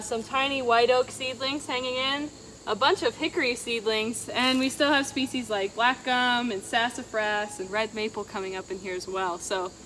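A woman in her thirties, a wildlife biologist, explaining forest habitat outdoors in a steady, explanatory way, with a clip-on mic. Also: on the high side, slight background noise, low-quality recording. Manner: steady, explanatory, walking and pointing at plants. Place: forest clearing and woodland, outdoors.

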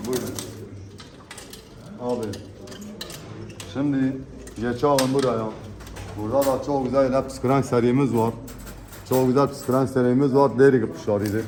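A man giving an unscripted auctioneer's sales pitch, presenting lots in an emphatic way and repeating his phrases. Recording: echoey room with background noise. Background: birds, pigeons.

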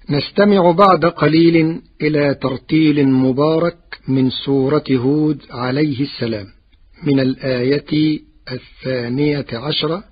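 Slow husky man on old radio. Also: medium pitch. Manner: slow, measured, deliberate delivery. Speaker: radio Quran recitation teacher. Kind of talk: formal broadcast explanation of recitation variants. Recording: dull archival radio broadcast.

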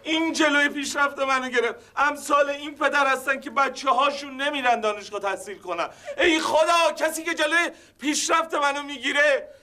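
An actor playing a grown son who melodramatically complains and pities himself in a TV sitcom. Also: male voice, extremely high pitch, steady tone, few pauses, pushed and bright. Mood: whining. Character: whiny grown son, self-pitying shopkeeper. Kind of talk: TV sitcom acting.

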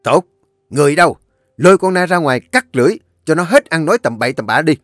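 A man's voice: a little high, sing-song, a little fast, breathy edge, no echo, studio quality, soft background music, pitched above the performer's own voice. A man doing a cold, curt young master. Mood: commanding. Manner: curt, commanding. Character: cold, stern young master of the house, male.

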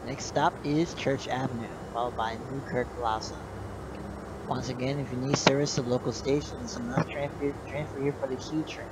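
A man speaks over a train intercom in the formal manner of a conductor, repeating key words as he goes. His voice sits at an ordinary middle pitch. Loud, constant train noise runs under every word. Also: fairly even intonation, normal speed. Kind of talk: train public-address announcements.

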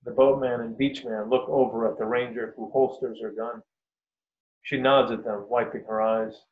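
A man reads his own short story aloud in a measured, unhurried voice. The recording sounds roomy, with a slightly dull, lo-fi tone. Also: mid-range voice, fairly even intonation, slight background noise. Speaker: author reading his story. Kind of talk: first-person story reading.

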